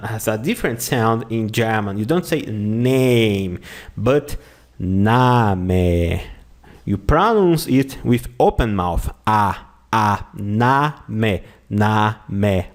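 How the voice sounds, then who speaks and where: A man's voice: medium pitch, lively intonation, a little slow, few pauses, a little mellow. A man teaching a beginner German class in English, whose first language is Portuguese. He explains patiently and repeats words over and over as pronunciation drills. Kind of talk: online language lesson.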